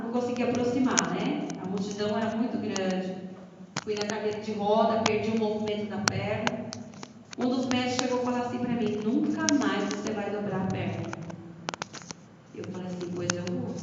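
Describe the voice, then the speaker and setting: A woman's voice: on the high side, background noise. A woman with a São Paulo Brazilian accent giving an emotional church testimony, addressing listeners as brothers and acting out dialogue. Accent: Brazilian Portuguese, São Paulo. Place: church hall. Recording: echoey church hall from far off, muffled.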